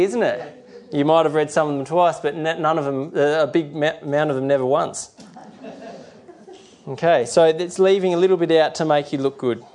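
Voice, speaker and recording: A middle-aged man delivers a sermon in an easygoing, conversational way. He rambles and restarts, slipping into little acted-out quotes of other people. His voice sits a touch high for a man. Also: darkish tone. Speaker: preacher.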